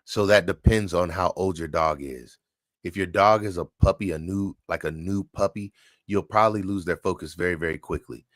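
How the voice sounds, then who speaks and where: Man, very low voice, casual livestream chat, relaxed and repetitive, dry close sound. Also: normal speed, no echo. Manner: relaxed, chatty, repeats points. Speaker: livestream host, dog trainer. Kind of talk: casual livestream chat answering viewer questions.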